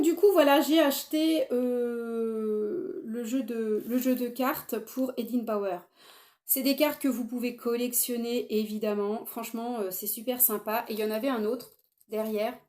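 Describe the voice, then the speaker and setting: A knitting podcaster, a middle-aged woman, talks eagerly and casually to camera about her craft, often using fillers and restarting sentences. Her voice is on the high side with a dark tone.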